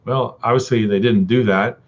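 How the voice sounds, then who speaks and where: A man's voice: medium pitch, steady tone, normal speed, slight background noise. A man chatting casually on a live stream, rambling with many ums and uhs and calling viewers buddy and dude. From Texas. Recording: dull lo-fi stream audio.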